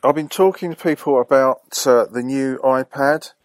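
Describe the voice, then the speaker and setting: A man's voice: medium pitch, normal speed, no room sound. A man phoning a company as a customer, questioning insistently and correcting the person he speaks to. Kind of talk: phone call complaint.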